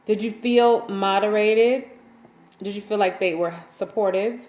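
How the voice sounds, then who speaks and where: A woman hosting a casual livestream, chatting with viewers, greeting them by name and reading their comments in a relaxed, informal way. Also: mid-range voice, unhurried, roomy sound, lo-fi sound. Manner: relaxed and informal, frequent ums and slang. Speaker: waist bead maker and seller, livestream host.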